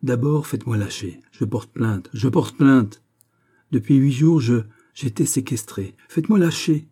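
A man reading an audiobook, voicing a furious bearded Russian policeman who shouts and repeats himself. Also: mid-range voice, moderate pace, husky, lightly acted. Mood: furious shouting. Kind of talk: audiobook character voice.

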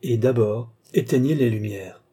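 A man's voice: medium pitch, normal speed, dark tone, husky, lightly acted. A man reading a stern commanding inspector. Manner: firm, brooks no reply.

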